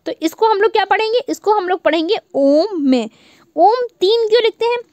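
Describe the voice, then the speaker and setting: A woman with a very high-pitched voice teaches an online class, repeating key points as questions to her students. She stretches out vowel sounds to show their length, and there's no room sound.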